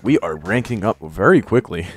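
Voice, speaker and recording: A man chatting casually during a video game, laughing often and breaking into excited outbursts. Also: low voice, moderate pace, soft background music. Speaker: gamer on a live stream. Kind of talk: casual gaming chat.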